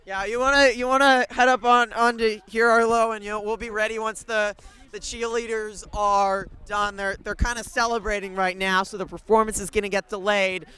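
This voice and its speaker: Bright high-voiced male game-night broadcaster. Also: little pitch movement, normal speed, smooth. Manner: chatty, upbeat, banters with guests on set. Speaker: student sports broadcaster. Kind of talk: live sports broadcast commentary. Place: broadcast set at an outdoor school stadium. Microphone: handheld broadcast mic.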